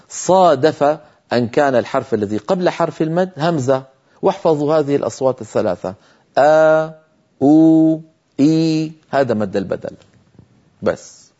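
A man's voice: medium pitch, darkish tone, lo-fi sound. A middle-aged man teaching a Quran recitation lesson, earnestly exhorting his listeners and drawing out sounds to demonstrate them. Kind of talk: tajweed lesson lecture.

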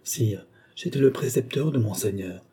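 A man's voice: medium pitch, expressive, moderate pace, dark tone, slightly rough. A man reading an audiobook, voicing a timid, flustered duke who serves as royal tutor and answers deferentially. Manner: hesitant, deferential, anxious.

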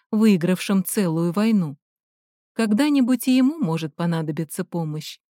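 A woman reading a first-person novel aloud in measured, even storytelling. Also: mid-range voice, no echo, studio quality. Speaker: audiobook narrator. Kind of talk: first-person audiobook narration.

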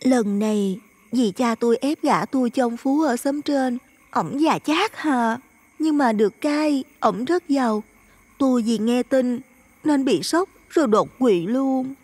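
A man voicing a gentle, playful young village girl in an audio ghost story, speaking softly and chattily. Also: extremely high pitch, a little slow, slightly rough, no echo, voice pushed up, full character voice. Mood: explaining.

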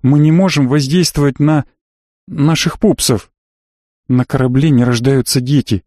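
A man as a quiet, earnest young man. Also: medium pitch, steady tone, a little slow, no echo, studio quality, natural voice.

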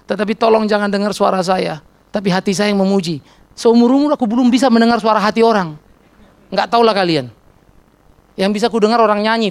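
Blunt, gravelly preaching man. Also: high voice. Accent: Indonesian. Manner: blunt, teasing, acts out dialogues. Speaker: pastor. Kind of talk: sermon.

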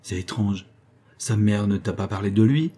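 A man's voice: on the low side, moderate pace, warm tone, natural voice. A man playing a resolute exiled father who talks in a firm, commanding way.

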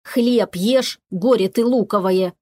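A woman's voice: fairly high pitch, moderate pace, darkish tone, dry recording, close to an everyday voice. A woman voicing a grumpy male house spirit who scolds and grumbles, in a storybook reading. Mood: grumbling.

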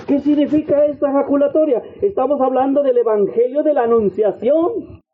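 A high-pitched man delivers a fervent sermon, his voice rising and sinking as he leads repeated prayers. The sound is thin and tinny, like a phone line. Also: moderate pace. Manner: fervent preaching, repeated invocations, swings between low and high pitch. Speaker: missionary preacher.

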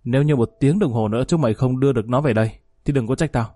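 Guy narrator doing a low harsh threatening gangster cop, dark dry voice. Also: racing, no room sound, close to an everyday voice. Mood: menacing. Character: cold menacing male police gangster.

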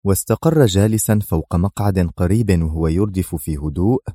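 A man narrating a spy thriller audiobook in a measured, dramatic way. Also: sits low, dark tone, no echo, studio quality.

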